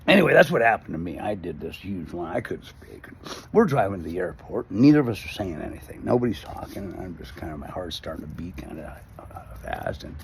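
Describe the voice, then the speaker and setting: A man telling a comic story in a rambling way, with many fillers and restarts, jumping to loud, high quoted outbursts. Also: very animated, a little fast, creaky, slight background noise. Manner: rambling, self-interrupting with fillers, acting out quotes with loud jumps in pitch.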